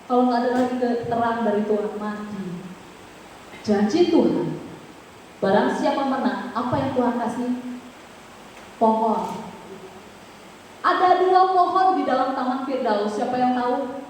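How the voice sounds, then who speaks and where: A woman's voice: fairly high pitch, a little slow, long pauses. A woman preaching a sermon in a church, emphatic and repetitive, asking the congregation questions. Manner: emphatic, repeats phrases, asks the congregation questions. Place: large church hall. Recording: very echoey church hall, faint noise.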